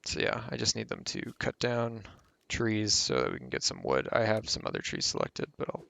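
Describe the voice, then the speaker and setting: A man's voice: on the low side, big pitch swings, normal speed, vocal fry, pushed and bright, no room sound. A man hosting a casual gameplay tutorial who rambles and corrects himself mid-sentence as he explains. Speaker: game tutorial host.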